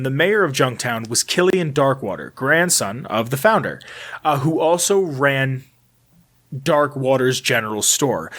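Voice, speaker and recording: A man's voice: on the high side, a bit bright. Chatty American podcast host man. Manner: chatty, rambling, self-deprecating, reads aloud with asides. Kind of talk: casual podcast chat reading game lore.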